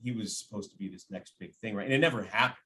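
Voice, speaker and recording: A man on the low side, quick and sharp-toned, gives animated basketball analysis in casual conversation as a podcast guest who works as a sports radio play-by-play announcer. He's emphatic, repeating phrases and voicing imagined quotes, over a little hiss or hum.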